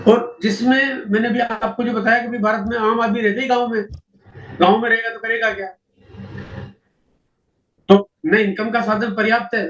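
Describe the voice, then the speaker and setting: A man's voice: high-pitched, a bit bright. A man giving a seminar talk on statistics, explaining at length with rhetorical questions. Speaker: network marketing seminar speaker. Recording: echoey, distant, dull lo-fi hall recording.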